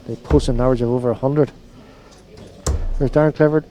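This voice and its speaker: A man's voice: mid-range voice, steady tone, fairly quick, muffled recording, a little hiss or hum. A man giving conversational live commentary on a darts match.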